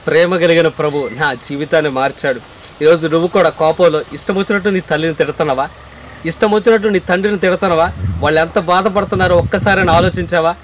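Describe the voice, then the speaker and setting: Earnest preacher man, high voice. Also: a little hiss or hum. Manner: earnest, repeats phrases for emphasis, addresses listener directly.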